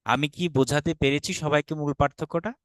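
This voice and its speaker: A man's voice: fairly high pitch, fairly even intonation, fast talker, a bit bright, clear, resonant tone, no room sound. A man with a Bangladeshi Bengali accent teaching an online Sanskrit class, patient and often checking that students follow.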